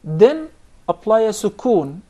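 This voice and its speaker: A man's voice: high-pitched, very animated, slow, warm tone. A man teaching a Quran recitation class, explaining points patiently and quizzing his students. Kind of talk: classroom instruction.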